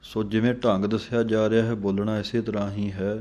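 A man teaching the correct pronunciation of scripture, slowly chanting each verse and then explaining it. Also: fairly low pitch, flat delivery, a little mellow. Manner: slow chanting of verses between quick spoken explanations. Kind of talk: step-by-step pronunciation lesson.

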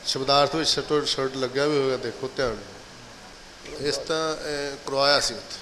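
Man, casual halting remarks, mid pitch, reverberant room, faint noise. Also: sharp tone. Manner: conversational, halting asides.

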